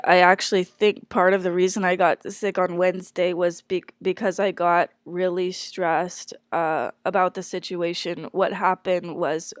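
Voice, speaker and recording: In this candid personal monologue, a stuffy-sounding woman works through a tense work problem, stumbling with fillers and starting over repeatedly. Her voice is lowish with a clean tone. The sound is clean studio audio with no room ambience.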